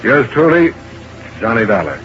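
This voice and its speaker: A man's voice: medium pitch, big pitch swings, moderate pace. An actor playing a hard-boiled male investigator in an old-time radio drama, narrating in terse, clipped first person. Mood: dry. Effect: old-time radio broadcast. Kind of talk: 1950s radio drama acting. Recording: muffled vintage radio broadcast with hiss.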